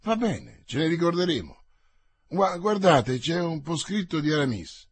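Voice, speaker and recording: A hearty, hot-tempered storybook musketeer who bursts out loudly, played by the narrator. The voice is pushed high and swings widely, with a husky edge in a dry, close sound. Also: male voice, sing-song, unhurried, exaggerated voice. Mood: blustering. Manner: loud, blustering outbursts.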